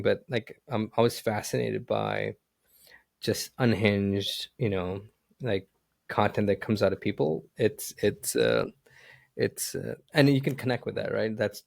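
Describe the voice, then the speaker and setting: Male podcast host, low gravelly voice, halting casual delivery, dry close sound. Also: no echo. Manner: halting, many restarts and "you know" fillers. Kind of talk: casual interview chat.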